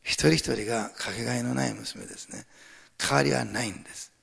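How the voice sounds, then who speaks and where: An older man preaching a sermon as pastor, chatting with the congregation and swinging between near-whispers and loud, rising exhortation. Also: mid-range voice, steady tone, brisk, gravelly, husky. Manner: talks to the congregation with questions and asides. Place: church sanctuary. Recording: long hall reverb.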